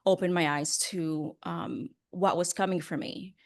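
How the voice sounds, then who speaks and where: Female interview guest, slightly low voice. Earnest, casual storyteller who leans on key words. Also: fairly even intonation, unhurried, gravelly. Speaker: interview guest, broadcast journalist.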